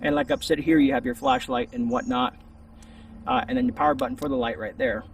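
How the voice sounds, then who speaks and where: A man of medium pitch, expressive and a little fast with vocal fry, hosts a casual gear review channel, speaking unscripted and rambling to camera. The setting is a shaded outdoor spot, captured by a distant mic with faint noise from outside.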